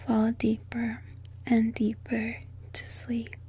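Slow breathy whispering woman. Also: on the high side, monotone, mellow. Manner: slow repetitive soothing whisper. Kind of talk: whispered sleep hypnosis.

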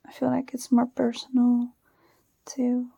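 A shy young woman with a Dutch accent whispers softly and breathily right against a close microphone, her fairly high voice turning dark and gravelly at the edges. Slow, hesitant and flat in tone, she rambles about personal things in an ASMR-like way, with nervous giggles. The recording is dry and intimate, with no room sound.

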